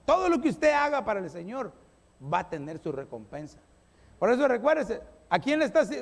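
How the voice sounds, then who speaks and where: Animated male preacher in a reverberant hall. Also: sits high. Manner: animated preacher addressing the congregation, acting out little scenes. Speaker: pastor. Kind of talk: sermon.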